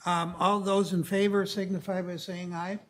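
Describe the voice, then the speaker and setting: A woman's voice: on the low side, little pitch movement, normal speed. A woman chairing a formal public commission meeting, moving through the procedure.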